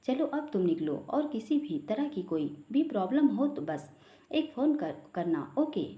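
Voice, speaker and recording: A woman's voice: fairly high pitch, very animated, measured pace, dark tone. A woman reading an anxious young boyfriend. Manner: anxious, earnest pleading. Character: young man, worried devoted boyfriend. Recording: roomy echo.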